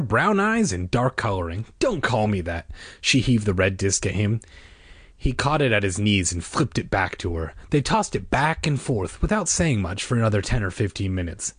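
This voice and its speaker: A man's voice: on the low side, slightly rough, no room sound, clean studio sound. A man reading a children's book aloud in a playful way, tossing in wisecracks between passages. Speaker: reader.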